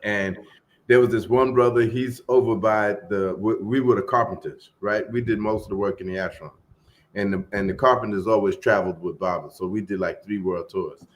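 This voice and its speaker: Animated male storyteller, casual chat. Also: fairly low pitch, brisk. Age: 20s. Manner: animated storyteller, acts out voices and quotes.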